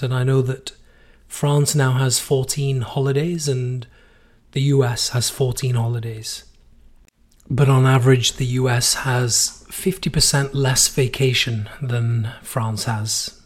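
A man from the United States with a hoarse, worn-out voice, hosting a podcast in a casual solo monologue. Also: medium pitch, level tone, a little slow. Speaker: podcast host.

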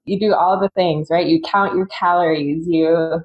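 A muffled recording carries a woman's lowish voice, fairly even in intonation and moderate in pace. Casually telling her story as a podcast guest, this thirtysomething fitness coach from Singapore is frank and talkative, frequently laughing in the middle of sentences.

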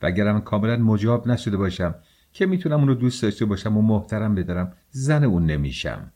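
A man's voice: lowish voice, very animated, warm tone. A man voicing a proud young woman who pleads her case indignantly in a storybook reading.

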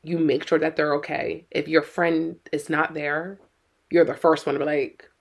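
A woman's voice: low-pitched, little pitch movement, normal speed, vocal fry. A middle-aged woman co-hosting a podcast as a mother, talking earnestly and with worry, often repeating her words. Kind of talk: casual podcast chat.

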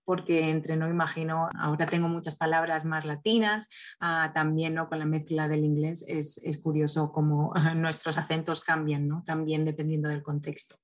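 Spanish woman guest, Valencia accent, low pitch, hesitant and reflective, video-call sound. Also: completely flat delivery, normal speed. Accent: Spanish from Spain. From Spain, Valencia. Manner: thoughtful, many fillers and self-restarts. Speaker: guest, communications specialist. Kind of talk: interview over video call.

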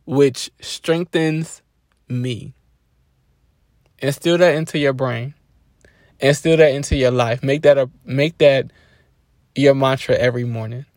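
A man hosting a podcast, giving a casual faith-based motivational talk with a relaxed, preachy delivery and frequent restarts. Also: mid-range voice, no room sound, clean studio sound. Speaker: podcast host.

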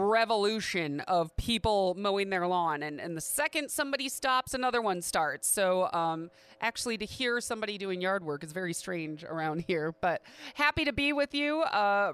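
A woman hosts a casual solo podcast in a chatty, upbeat manner. Her voice is smooth and clear. It is recorded dry and close, with no room sound. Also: mid-range voice, a bit bright, dry recording. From Midwestern United States. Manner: chatty and upbeat, with light laughs. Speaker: podcast host. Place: at home in a quiet neighborhood.

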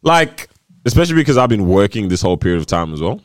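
Very animated young man, slangy. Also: fairly low pitch, quick pace, crowd noise. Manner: street slang with bro, bruv, my man. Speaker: podcast co-host. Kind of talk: casual chat.

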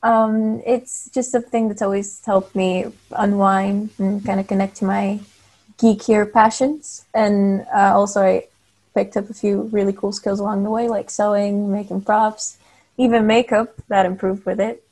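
A woman's voice: medium pitch, flat delivery, unhurried, darkish tone. Chatty young woman from Bulgaria. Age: 20s. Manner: friendly, chatty, laughs lightly. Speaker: guest cosplayer. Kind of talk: casual interview.

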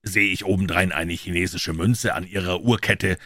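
Dude doing a calm clever detective, low quiet voice, storybook reading. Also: male voice, no echo, studio quality. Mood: explaining. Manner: low, measured, quietly assured. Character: shrewd calm male detective, dryly ironic. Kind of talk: audiobook character voice.

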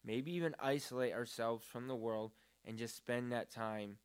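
A man's voice: mid-range voice, fairly even intonation, moderate pace, smooth. A man talking about prayer in a casual, earnest and rambling way, with many fillers. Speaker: podcast co-host. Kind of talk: casual faith talk.

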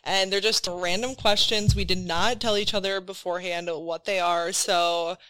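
A woman's voice: lowish voice, steady tone, moderate pace, fairly bright tone, clear, resonant tone, dry recording, poor audio. A woman with a Wisconsin accent chatting casually and jokily as a co-host with friends. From Wisconsin, United States. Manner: informal, jokey. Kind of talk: casual chat, playful hosting.

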